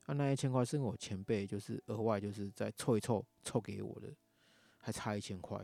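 Gravelly Taiwanese-accented man ranting. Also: on the low side, fairly quick, dark tone, dry recording, soft background music. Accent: Taiwanese Mandarin. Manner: angry ranting, heavy swearing. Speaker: podcast host. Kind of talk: casual monologue.

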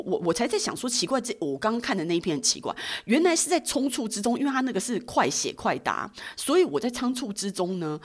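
Taiwanese woman host, fast chatty storyteller, low husky voice, podcast anecdotes. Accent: Taiwanese Mandarin. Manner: animated, giggly anecdotes with acted-out quotes. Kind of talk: casual storytelling.

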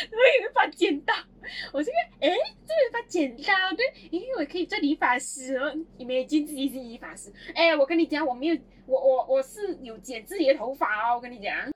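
High, lively woman. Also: fairly quick, hardly any pauses. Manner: animated, laughs often while telling stories. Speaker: podcast co-host. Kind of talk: casual chat, childhood storytelling.

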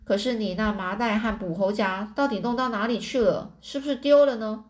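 A woman's voice: medium pitch, brisk, lightly acted. A woman voicing an anxious farm mother who keeps questioning her son in a storybook reading. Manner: alarmed, questioning.

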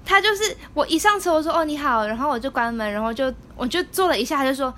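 A woman's voice: high-pitched, animated, fast talker, pushed and bright, slight background noise. A woman co-hosting a casual podcast, chatting and sharing her own stories between frequent murmured agreement. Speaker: podcast co-host. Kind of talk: casual chat.

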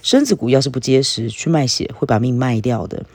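A man's voice: mid-range voice, expressive, a little fast, a little mellow, slightly rough, dry recording. A man reading a novel aloud, voicing a middle-aged farmer uncle who explains things in a plain, matter-of-fact way.

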